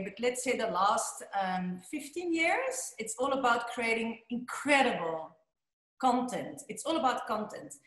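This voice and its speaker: A Belgian woman in her forties, a guest on a casual video-call interview, talks animatedly with gestures and keeps dropping in "you know." Her slightly high voice echoes off a roomy, bright office and comes through a laptop webcam mic.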